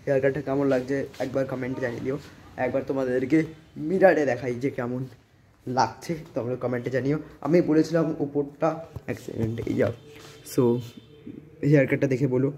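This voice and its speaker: A teenage boy from India with a cold-roughened voice, vlogging casually into a phone at home, rambling with lots of fillers and English words. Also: mid-range voice, mellow, slight background noise. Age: teens. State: hoarse from a cold. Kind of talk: casual vlog chat. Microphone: phone camera.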